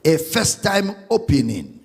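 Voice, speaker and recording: A man preaching a sermon as a pastor, singing out scripture lines and spelling words slowly. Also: a little high, wildly swooping pitch, creaky, slightly rough, big-room sound.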